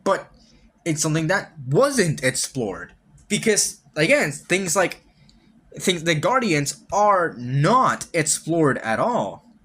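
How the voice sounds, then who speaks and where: A slightly high-voiced man talks through a game review on his own podcast, his pitch swinging widely as he goes. He rambles, restarts his sentences often and swears casually, with wry laughs between points. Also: sing-song, takes it slowly, a bit bright. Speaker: podcast host.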